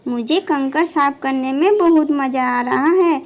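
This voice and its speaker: A woman's voice: high voice, measured pace. A woman playing an eager, stubborn little girl. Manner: eager, pleading and whiny.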